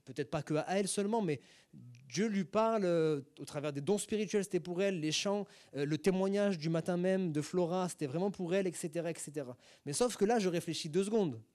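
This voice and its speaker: Middle-aged male pastor, slightly high voice, chatty sermon full of asides and rhetorical checks. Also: brisk, darkish tone. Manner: conversational teaching with many asides and rhetorical questions; acts out short sung and spoken examples. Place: church hall.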